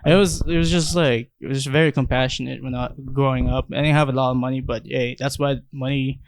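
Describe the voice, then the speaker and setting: A young man from the Philippines chatting casually on a podcast, rambling and halting, swearing freely, close on a handheld mic. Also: mid-range voice, fairly even intonation, clean tone. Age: young adult. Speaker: podcast host. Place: small plain room, indoors. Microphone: handheld microphone held close.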